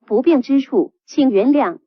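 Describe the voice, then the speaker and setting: A woman reading calm, formal bus announcements played over a PA system. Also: high voice, measured pace, no room sound. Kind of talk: scripted public announcement. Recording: dull lo-fi PA playback.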